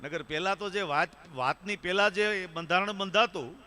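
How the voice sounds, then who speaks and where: A man's voice: sits high, moderate pace, pushed and bright. A man from Kathiawad with a Kathiawadi Gujarati accent, telling chatty comic stories on a live stage and often calling the audience sir. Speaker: stand-up comedian. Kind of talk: live folk stage comedy storytelling.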